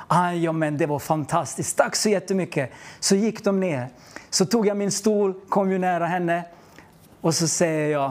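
High-voiced man telling a testimony. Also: a little mellow. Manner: storytelling, acting out dialogue, earnest. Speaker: preacher. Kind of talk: testimony sermon.

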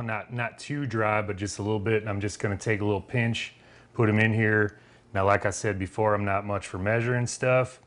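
Showing off a recipe at home, this Southern-accented home cook rambles in a relaxed, folksy way, leaning on filler words and loose grammar. He has a fairly low-pitched voice with a fairly bright tone.

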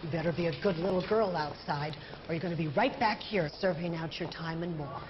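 A woman's voice: sits low, a little fast, natural voice. A woman playing a cold prison official warning a released inmate. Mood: stern. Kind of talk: film drama acting. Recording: dull lo-fi clip with clear noise.

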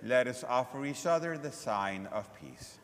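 A man speaking as a priest, reciting solemn liturgical prayers in a measured, reverent way with a long cathedral-like echo. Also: mid-range voice, animated, a bit bright, slight background noise. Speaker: priest celebrating Mass. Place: large reverberant church during Mass. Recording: long echo of a large church.

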